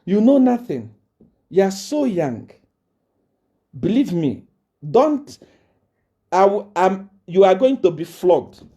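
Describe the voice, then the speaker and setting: A man delivers a live-streamed rant, swinging his pitch widely up and down. His tone is dark and mellow as he boasts, threatens and repeats himself over and over. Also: sing-song, slow, long pauses. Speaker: self-styled prophet addressing viewers. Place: South Africa.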